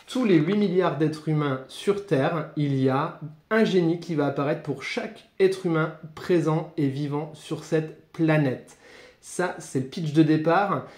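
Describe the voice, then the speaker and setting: A man's voice: a little high, a little mellow, roomy sound. A man casually reviewing a comic book for his channel, enthusiastic, with frequent fillers and restarts.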